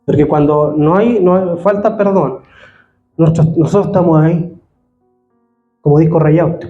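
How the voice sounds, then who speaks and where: A man's voice: a little high, normal speed, narrow, tinny audio, faint music behind. A man preaching a sermon as pastor, earnest and rising to fervent appeals, recorded on a mic in a church hall.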